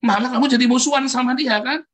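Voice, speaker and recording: A husky man preaches with a lot of life. His pitch keeps jumping upward when he drives a point home. He turns to his listeners again and again with direct questions. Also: fast talker. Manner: animated, jumps high in pitch for emphasis, keeps calling out "saudara". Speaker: pastor. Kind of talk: lively sermon addressing the congregation.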